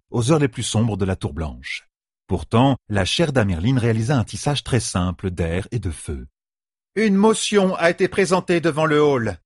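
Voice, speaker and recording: Low, husky male audiobook narrator. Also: a little mellow, no echo, clean studio sound. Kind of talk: scripted narration.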